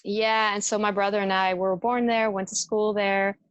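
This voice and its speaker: A woman's voice: mid-range voice, level tone, moderate pace, smooth, no echo, muffled recording. A woman from the Netherlands, a yoga teacher, chatting casually as an interview guest and laughing often.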